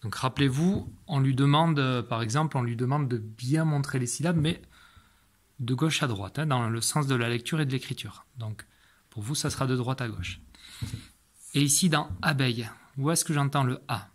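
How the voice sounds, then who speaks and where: A man's voice: medium pitch, normal speed. A man, a primary school teacher, patiently explaining a homework routine to parents from his classroom, with many fillers and restarts.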